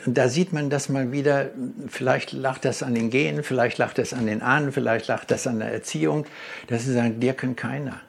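A man's voice: medium pitch, creaky, breathy edge. A German-speaking man recounting his career in an interview, telling it as a story with acted-out quotes and frequent hesitations. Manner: storytelling, acts out quoted dialogue, hesitant fillers. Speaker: interviewee, car designer. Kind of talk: reminiscing in an interview.

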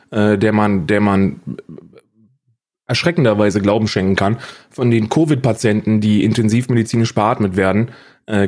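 Rauer mann im lockeren politik-podcast, redet derb und spöttisch. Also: male voice, on the low side, darkish tone. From Switzerland. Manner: crude, sarcastic, emphatic. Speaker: podcast co-host. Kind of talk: casual political chat. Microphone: remote audio call setup.

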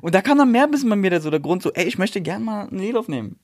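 A young man with a notably high voice rambles through an anecdote in casual slang, stumbling over his words and restarting. The recording is dry and close, with no room sound. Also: racing, dry recording. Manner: rambling, animated storytelling with slang and many restarts. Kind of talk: casual chat.

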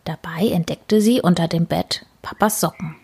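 A woman softly whispering a children's story as narrator, in a hushed, gentle way. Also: on the low side, normal speed, gravelly, breathy edge. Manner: soft, hushed.

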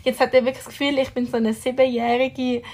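A woman's voice: high-pitched, flat delivery, fast talker, darkish tone. Chatty young Swiss German woman. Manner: chatty, mixes in English slang. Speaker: podcast co-host. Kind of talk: casual chat.

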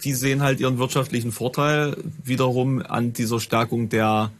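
A man's voice: medium pitch, flat delivery, normal speed. A man co-hosting a podcast, chatting casually about politics, agreeing and adding dry jokes. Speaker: podcast co-host.

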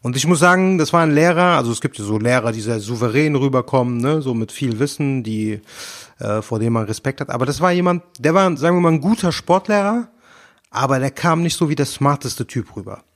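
A man in his forties, co-hosting a casual podcast and telling a school story in a measured way. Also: medium pitch, lively intonation. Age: 40s. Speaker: podcast co-host. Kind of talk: casual chat.

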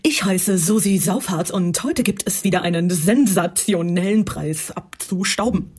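A slow, husky infomercial quiz hostess. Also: female voice, fairly low pitch, a little mellow. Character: female quiz show hostess, parody infomercial seller of absurd prizes. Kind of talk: scripted infomercial-style quiz show pitch.

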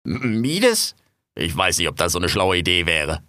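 Brash cursing male raccoon voiced by a man, very low and forceful, excitable audio-drama role. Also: moderate pace, dry recording, clean studio sound, full character voice. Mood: wary. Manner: loud, cursing, jumpy and excitable. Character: brash, foul-mouthed male raccoon garden worker.

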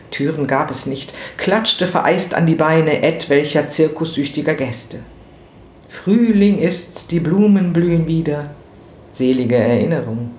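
A man reading literary prose aloud in a measured, expressive way. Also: fairly high pitch. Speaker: reader. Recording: roomy with faint noise.

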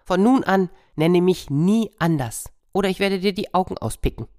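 A woman's voice: fairly low pitch, lively intonation, normal speed, a little mellow, no room sound, clean studio sound, pitched above the performer's own voice, close to an everyday voice. A woman voicing a vain, pompous male peacock in a children's storybook tale. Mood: haughty. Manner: pompous, shrieking. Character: vain, proud male peacock, shrill and haughty.

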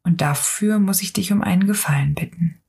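A woman voicing a kind, patient friendly soul in a whispered role-play, speaking softly and calmly with a husky voice. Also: lowish voice, a little fast, exaggerated voice. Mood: serious. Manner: soft, gentle, calm.

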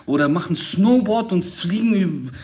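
Animated slangy man telling stories. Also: sits high, moderate pace. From Germany. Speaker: podcast co-host. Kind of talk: casual street-slang chat.

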